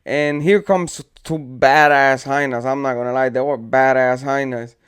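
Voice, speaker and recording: A man unhurriedly tells a story from his past, rambling in slang-heavy street talk and acting out his friends' quotes. His voice is medium-pitched and clean in tone, with fairly even intonation.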